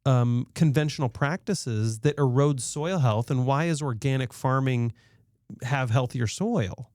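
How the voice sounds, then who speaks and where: A man hosts a podcast in a conversational way, chiming in with reactions and asking long, rambling questions. His voice sits at a middle pitch. The sound is dry and close to the mic. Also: measured pace, darkish tone, no room sound. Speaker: podcast host. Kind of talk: podcast interview.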